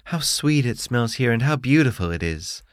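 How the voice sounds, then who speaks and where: A man's voice: medium pitch, expressive, moderate pace, dry recording, studio quality, voice pushed up, lightly acted. Man doing a sweet little storybook ladybird, lifted and admiring. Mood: delighted. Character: small, delighted female ladybird.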